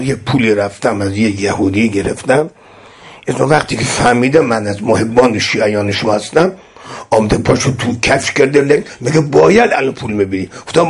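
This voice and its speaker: A man preaching a sermon, telling religious stories with impassioned, rising pleas that drop low again. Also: vocal fry, husky. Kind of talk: Shia sermon with storytelling.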